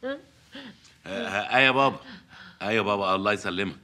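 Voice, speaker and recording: An actor with an Egyptian accent playing an animated, pleading grown son in a sitcom. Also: male voice, lowish voice, fast, faint music behind. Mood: excited. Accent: Egyptian Arabic. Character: excitable grown son mediating a family fight. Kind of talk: sitcom acting.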